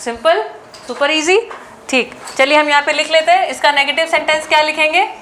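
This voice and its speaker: A woman teacher with an Indian accent, drilling English grammar sentences in a classroom lesson, slow and word by word. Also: sits high, sharp tone, slight background noise.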